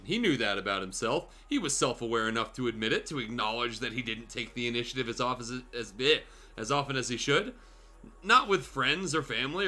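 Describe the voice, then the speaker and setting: On a livestream show, a man guest-hosts by reading fan fiction in a theatrical, comedic style, adding irreverent, sweary comments. His mid-range voice sounds pushed and bright, and music plays in the background.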